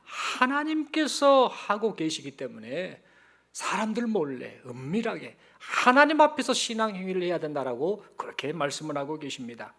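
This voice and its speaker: A man's voice: sits high, a bit bright. A male pastor preaching a Sunday sermon in a church, telling a story and addressing the congregation directly. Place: church sanctuary.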